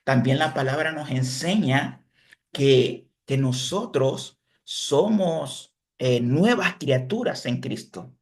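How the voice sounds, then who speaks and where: A man giving an online religion lesson, explaining step by step, pausing to correct himself and checking in with his listeners. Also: medium pitch, lively intonation. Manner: self-correcting, pauses to fix slips. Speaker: religion teacher. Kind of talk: online class lecture.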